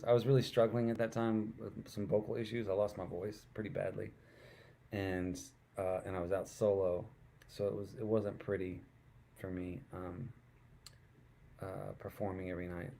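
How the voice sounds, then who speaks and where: A man's voice: fairly low pitch, creaky, warm tone, a little hiss or hum. A middle-aged man hosting his own music livestream, chatting between songs in a rambling, self-deprecating way and reading out viewer comments. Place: at home, alone with a guitar.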